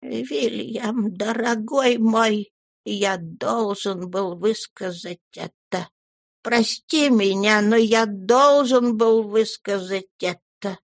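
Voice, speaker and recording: A woman voicing a frail old man who slowly and solemnly thunders his protest. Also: mid-range voice, no room sound, clean studio sound, voice pushed up. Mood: feeble, apologetic. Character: frail old man, fierce in sudden wrath.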